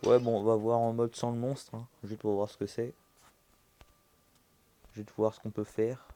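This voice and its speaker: Jumpy male horror game streamer, mellow low voice. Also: flat delivery, measured pace, a little hiss or hum. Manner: talks to the game's objects and characters. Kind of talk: casual horror game commentary.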